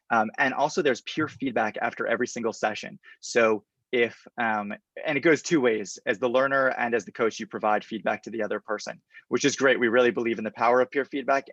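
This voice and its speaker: A man in his thirties gives a confident startup pitch on a video call. His voice sits at an average pitch with very little room sound. He lays out his answers in an orderly way, point by point. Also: a bit bright, no room sound, muffled recording. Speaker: startup founder answering judges' questions. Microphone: computer mic on a video call.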